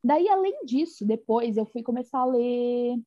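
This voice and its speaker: Laughing Brazilian woman with a mellow voice. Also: on the high side, lively intonation, measured pace, dry recording, lo-fi sound. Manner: chatty, restarts sentences, laughs often. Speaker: podcast co-host. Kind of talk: casual chat.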